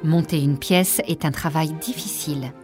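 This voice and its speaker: A woman narrating a learner's storybook in a slow, clear, evenly articulated way. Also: low-pitched, music in the background. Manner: slow, even and carefully articulated. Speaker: audiobook narrator.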